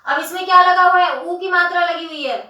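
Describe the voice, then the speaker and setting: High, bright-voiced woman teacher in an echoey room. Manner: patient, addresses students as "beta"; spells words out slowly, syllable by syllable. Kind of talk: spelling lesson. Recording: echoey room, voice from the mic at a distance.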